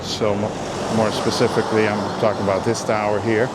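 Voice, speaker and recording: A man's voice: on the low side, level tone, moderate pace. A man hosting a casual walking vlog, chatting in a hesitant, meandering, conversational way. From Aruba. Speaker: vlog host. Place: outdoors, walking along a road. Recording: noisy outdoor street with traffic. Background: clear outdoor street and vehicle noise.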